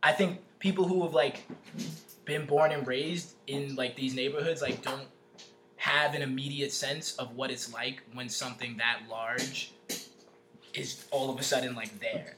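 A man's voice: mid-range voice, fairly even intonation, a little slow. A man from Brooklyn, New York chatting casually in hesitant, filler-heavy phrases. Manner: hesitant phrasing, peppered with "like" and "you know". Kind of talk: casual chat. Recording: some background ambient noise.

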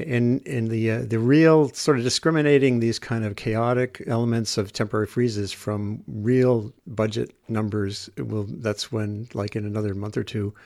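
A man explaining things casually as a journalist in a podcast discussion, halting and digressive, often rephrasing as he goes. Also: mid-range voice, gravelly.

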